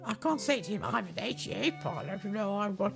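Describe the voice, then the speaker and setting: Older woman telling lively stories. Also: mid-range voice, brisk, gravelly, over music. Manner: lively, acts out voices in her anecdotes. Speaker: former wartime ferry pilot. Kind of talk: interview storytelling.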